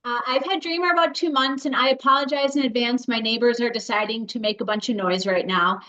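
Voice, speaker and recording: A woman's voice: fairly high pitch, fairly quick, sharp tone, low-quality recording. A woman who fosters a dog, talking chattily and in detail over a video call. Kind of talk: casual chat.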